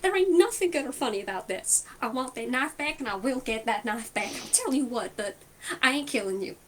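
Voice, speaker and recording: A woman's voice: a little high, animated, a little fast, slight background noise, lightly acted. A woman doing a stern folksy nanny. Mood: stubborn. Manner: folksy drawl, insistent denials.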